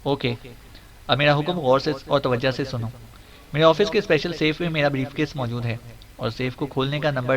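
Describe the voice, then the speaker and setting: A man's voice: medium pitch, natural voice. A man voicing a stern, sly secret agent. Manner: commanding, clipped, playful. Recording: distant mic.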